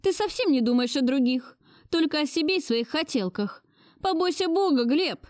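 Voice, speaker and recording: Woman voicing a shrill domineering grandmother. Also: lively intonation, moderate pace, dry recording, clean studio sound. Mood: scolding. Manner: shrill, imperious reproach. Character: domineering wealthy elderly grandmother, scolding. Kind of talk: audiobook dialogue reading.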